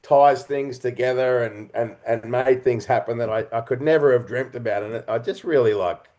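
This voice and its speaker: Speaking at a moderate pace in a mid-range voice, this male interview guest has a creative bent. He recounts stories conversationally in broken phrases, with a thoughtful, expressive manner.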